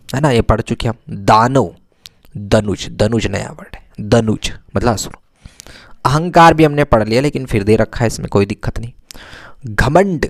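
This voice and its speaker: A man's voice: mid-range voice, dry recording, studio quality. A man teaching a vocabulary lesson to children, repeating each word several times and asking questions that he answers himself. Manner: repeats words slowly, asks and answers himself.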